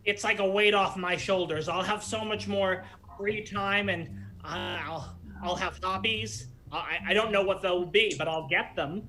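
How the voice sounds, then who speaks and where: A man plays a frazzled building manager who is glad to be rid of the job. His bright voice rambles along, wry and at times drawn out. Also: sits high, unhurried, few pauses, rough recording. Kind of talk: improv comedy scene.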